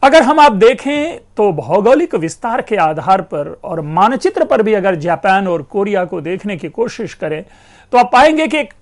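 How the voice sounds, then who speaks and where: A lecturer giving an academic lecture in an explanatory way, addressing the listeners as friends and stressing key terms. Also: mid-range voice.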